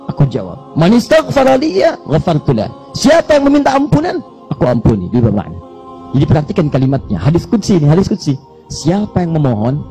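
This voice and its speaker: A man preaching a sermon, swinging between high urgent appeals and hushed low prayers.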